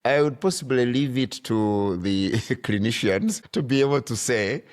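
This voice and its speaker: A man from Uganda, a bishop speaking as a podcast guest in a reflective, deliberate way, often pausing to search for words. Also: mid-range voice, lively intonation. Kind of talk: reflective conversation.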